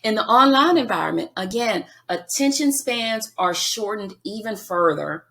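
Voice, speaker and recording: A woman guest on a podcast interview, giving emphatic, lively coaching advice. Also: medium pitch, moderate pace, vocal fry. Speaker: guest speaker.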